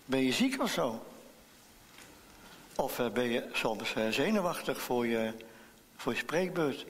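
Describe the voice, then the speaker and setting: A man's voice: medium pitch, big pitch swings, measured pace, big-room sound. A man voicing a cheerful young schoolboy in a children's story, chatty and encouraging. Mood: curious.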